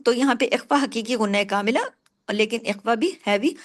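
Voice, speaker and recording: High-voiced woman teaching recitation rules. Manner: patient, explanatory, asks and answers her own questions; slows down sharply to recite words. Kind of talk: tajweed lesson, explaining and reciting.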